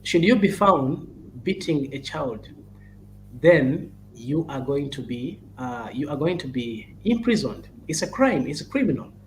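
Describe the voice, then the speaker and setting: Halting man urging parents. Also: a little high, lively intonation, slight background noise, poor audio. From Uganda. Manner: halting and repetitive, with many "uh"s and restarts, urging earnestly. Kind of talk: advocacy talk, addressing parents and caregivers.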